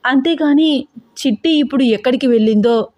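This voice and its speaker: A woman's voice: brisk, warm tone, dry recording, studio quality, close to an everyday voice. A woman doing a wailing terrified young man. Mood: terrified pleading. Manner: wailing, pleading, high-pitched. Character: panicked young man, crying and begging.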